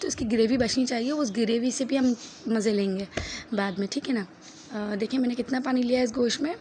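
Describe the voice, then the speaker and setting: A woman's voice: on the high side, a little hiss or hum. A woman hosting a cooking tutorial with a slightly sore throat, giving step-by-step instructions and checking in with "okay" often. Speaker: cooking channel host.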